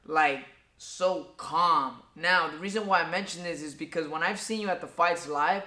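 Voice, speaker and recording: Male boxer as interviewer, bright high voice, rambling questions, echoey room with faint hiss. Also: normal speed.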